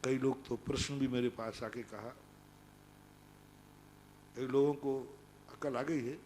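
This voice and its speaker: A man, a Jain monk, giving a sermon as emphatic storytelling that swings between hushed and loud. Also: medium pitch, steady tone, takes it slowly, slight background noise.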